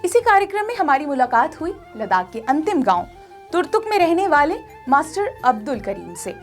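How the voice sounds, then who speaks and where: A woman's voice: sits high, very animated, a little fast, faint music behind. A woman narrating a news feature in a formal, scripted reading voice. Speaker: news presenter.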